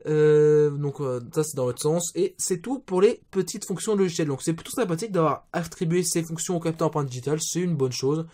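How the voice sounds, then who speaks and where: A man's voice: on the high side, a little mellow. A man, casually walking through phone settings in a rambling review, with many restarts and fillers. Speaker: tech reviewer.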